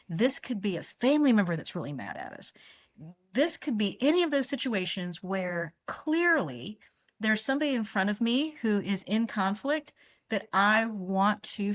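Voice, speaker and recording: A woman's voice: mid-range voice, very animated, moderate pace. A middle-aged woman physician, a podcast guest who explains conflict and acts out short example dialogues. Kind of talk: conversational podcast interview.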